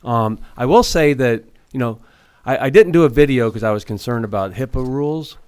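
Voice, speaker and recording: A man co-hosting a casual talk radio show. His voice is mid-pitched for a man. He tells stories in a halting way, with restarts and frequent chuckles. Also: lively intonation, darkish tone, clean tone. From Florida. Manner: hesitant, many fillers and restarts, chuckles often. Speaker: radio co-host.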